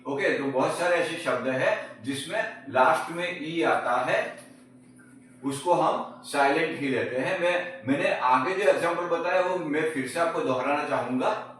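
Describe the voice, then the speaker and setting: A man's voice: on the high side, fairly bright tone. A man teaching a spoken language lesson, spelling words letter by letter, repeating each rule and asking the viewer questions. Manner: asks rhetorical questions to the viewers. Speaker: English teacher. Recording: echoey room, mic at a distance, faint noise.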